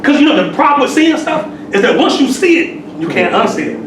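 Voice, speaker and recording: Casting: man in his forties, high-pitched, streetwise sermon delivery, recorded from afar. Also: very animated, brisk, far from the mic. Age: 40s. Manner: streetwise, peppered with "you know what I'm saying". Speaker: temple sheik. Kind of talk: conversational sermon. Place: temple hall. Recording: echoey room, mic from afar, hissy.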